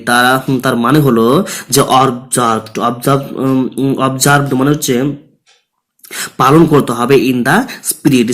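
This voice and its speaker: Halting man explaining an English lesson. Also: mid-range voice, a bit bright. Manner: reads English phrases slowly, then glosses them in Bengali; halting, with many filler sounds and restarts. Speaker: English teacher. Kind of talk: recorded lesson explaining a text line by line.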